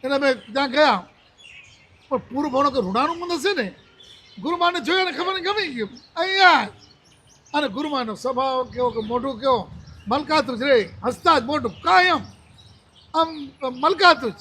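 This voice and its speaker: A man's voice: very high voice, animated, normal speed, pushed and bright, slight background noise. A man in his seventies, a monk giving a religious discourse, telling a personal story and acting out the dialogue he quotes. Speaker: Jain monk.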